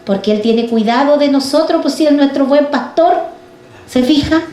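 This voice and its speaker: High-voiced woman preaching in an echoey hall. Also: moderate pace, dark tone. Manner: fervent, addresses the congregation directly with rhetorical questions. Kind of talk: sermon. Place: church.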